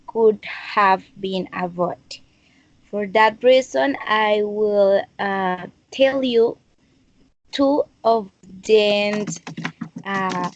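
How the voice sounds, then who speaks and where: A woman's voice: medium pitch, no room sound, low-quality recording. A woman around twenty, a Spanish speaker studying English, speaking earnestly on a video call. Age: 20s. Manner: earnest, measured learner's English. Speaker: English student. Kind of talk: introduction and answer in class discussion.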